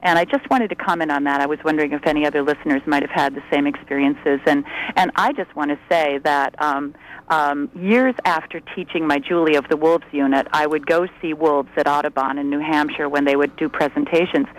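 A woman's voice: deep voice, fairly even intonation, a little fast, low-quality recording. An older woman, a retired teacher, calling in over the phone to a radio talk show and chatting earnestly. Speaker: caller. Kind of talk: casual call-in chat.

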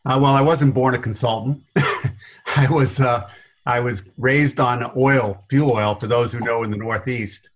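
A man's voice: mid-range voice, fairly even intonation, a little slow. A middle-aged man from New York with a faded New York accent, telling stories as a podcast interview guest, laughing often and punching up his asides. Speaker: guest, business consultant.

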